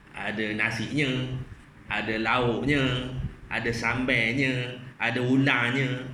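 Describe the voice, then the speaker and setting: A man's voice: medium pitch, pushed and bright, slight background noise. A man giving an evening lecture in a mosque, chatty and conversational, often checking in with rhetorical questions. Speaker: religious lecturer. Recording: echoey mosque hall.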